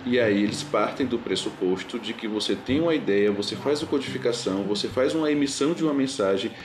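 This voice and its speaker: A man's voice: medium pitch, quick pace, echoey room, a little hiss or hum. A man teaching an online lecture in a patient, reassuring manner and answering students' questions.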